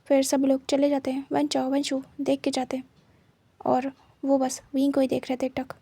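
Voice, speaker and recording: A woman narrating a fan story in a steady, plain retelling manner. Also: sits high, normal speed, no echo.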